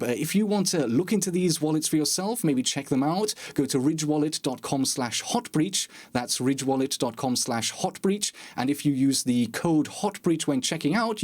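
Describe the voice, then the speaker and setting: A man's voice: fairly high pitch, darkish tone. A man hosting a casual gaming podcast, chatty and self-deprecating, with sarcastic asides. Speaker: podcast host.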